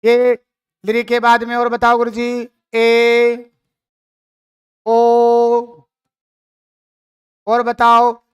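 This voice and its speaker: A man's voice: very high voice, completely flat delivery, measured pace, clear, resonant tone. A man teaching a lesson, who stretches his vowels and asks and answers his own questions. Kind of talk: classroom lecture.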